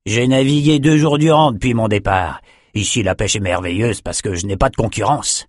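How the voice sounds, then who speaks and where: A man's voice: on the low side, moderate pace, no echo, close to an everyday voice. A man reading a story plays a cheerful, bantering lone fisherman. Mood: jovial. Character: cheerful lone male fisherman, bare-chested.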